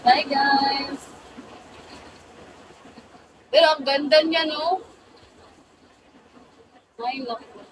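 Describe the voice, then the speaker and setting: Young woman, high voice, slow and giggly, casual live-stream chat, faint room noise. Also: steady tone, rough recording. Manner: giggly, mixes English and Filipino. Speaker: livestream host.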